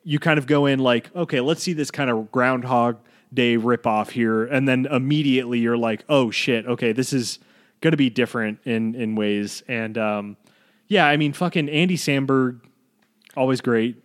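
A man's voice: mid-range voice, normal speed. A man co-hosting a podcast, chatting loosely about films and rambling, with frequent swearing. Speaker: podcast co-host. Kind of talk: casual chat.

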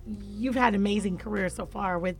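A woman's voice: medium pitch, brisk, gravelly, soft background music. A woman in her early thirties hosting a radio talk show in the studio, asking long rambling questions with restarts. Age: early 30s.

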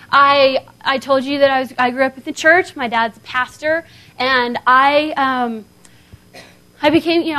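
In a seminar hall, a high-voiced woman in her 30s gives a sermon-style talk to the crowd. Her delivery is lively and chatty, and she frequently pauses to ask "okay?"

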